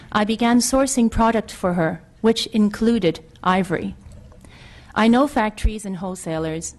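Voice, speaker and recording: A middle-aged woman from Hong Kong, testifying before a legislative committee and reading a prepared statement in an earnest, formal, measured way. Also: medium pitch.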